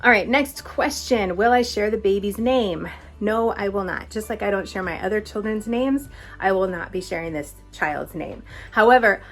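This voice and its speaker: A young pregnant woman casually answering viewer questions in a vlog, chatty and laughing often, a little out of breath. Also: mid-range voice. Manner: chatty, frequent laughs and filler words. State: heavily pregnant, a bit out of breath.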